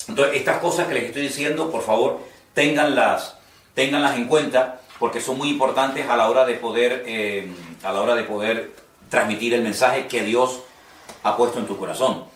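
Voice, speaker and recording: A man's voice: medium pitch, normal speed. A man from teaches preachers, earnest and conversational, often repeating his points for emphasis. He is recorded from some distance in a roomy, echoing space. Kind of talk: homiletics class lecture. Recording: echoey room, voice from a distance.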